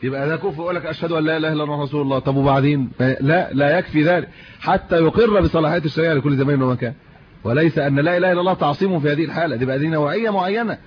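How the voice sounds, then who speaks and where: A man's voice: a little high, racing, slightly rough. A man with an Egyptian Arabic accent giving a religious lesson, reading classical texts and explaining them in everyday speech with rhetorical questions. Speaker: religious teacher. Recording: muffled lo-fi audio with faint hiss.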